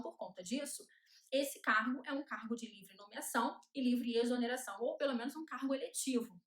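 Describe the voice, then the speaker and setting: Woman law teacher, higher register, sing-song list drills, roomy echo. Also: fairly bright tone. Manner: rhythmic chanting of checklists. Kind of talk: classroom lecture at a whiteboard. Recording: echoey room.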